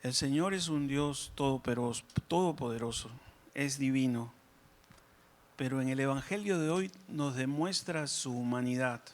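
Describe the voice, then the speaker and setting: A man speaking as a priest at Mass, in a measured, solemn way with pauses between short phrases. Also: medium pitch. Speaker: priest preaching and leading prayers at Mass. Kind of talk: sermon and liturgical prayer. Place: church during Mass.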